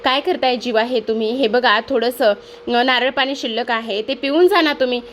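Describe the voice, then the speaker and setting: A woman reading the lines of a caring young pregnant wife in a hospital bed, in a gentle coaxing way. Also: on the high side, moderate pace, slight background noise, lightly acted.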